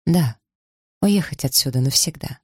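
A man reading aloud, putting on the voice of a quiet, resolute wronged wife who speaks evenly and firmly. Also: unhurried, husky, no echo, studio quality. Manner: low, even, firm.

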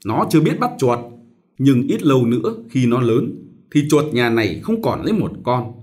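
A man's voice: medium pitch, sing-song, moderate pace, darkish tone, lightly acted. A man voicing a doting middle-aged master of the house who gives fussy, firm instructions in a storybook reading. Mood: instructing.

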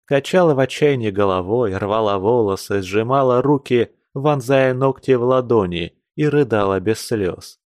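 A man narrating a classic novel in a steady, measured reading. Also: mid-range voice, no echo, studio quality. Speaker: reader.

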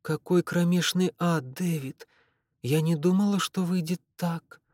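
A man reading aloud and voicing a distressed young woman who pleads and apologizes in a raised, softer voice. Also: high-pitched, a little slow, no echo, studio quality, pitched above the performer's own voice. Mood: pleading. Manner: pleading, apologetic, softly insistent.

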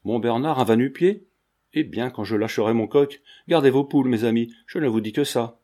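A man's voice: medium pitch, brisk, mellow, close to an everyday voice. A man reading the part of a boastful, quarrelsome old village mother in a storybook. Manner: quarrelsome, teasing.

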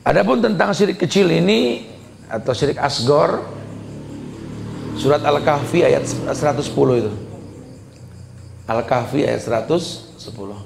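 Male preacher, gravelly, humorous and conversational, echoey room with faint noise. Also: fairly high pitch, expressive, moderate pace, long pauses. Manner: humorous, conversational, mimics voices to make points. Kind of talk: sermon.

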